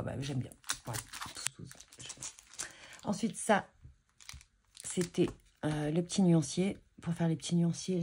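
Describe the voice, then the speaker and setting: A scrapbooking vlogger shows off her craft purchases in a casual show-and-tell chat, hesitating often with fillers and restarts. Her voice is low-pitched, warm, and husky, with vocal fry.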